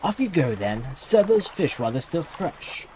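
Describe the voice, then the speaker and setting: A man doing a smooth, formal town mayor. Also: a little high, sing-song, normal speed, darkish tone, a little hiss or hum, pitched above the performer's own voice. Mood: smoothly formal.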